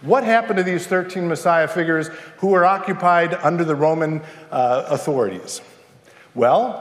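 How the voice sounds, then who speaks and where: High-voiced male preacher in an echoey hall. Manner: emphatic, rhetorical questions and dramatic pauses. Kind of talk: sermon to a congregation. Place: large reverberant room, preaching live. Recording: echoey hall with long reverb.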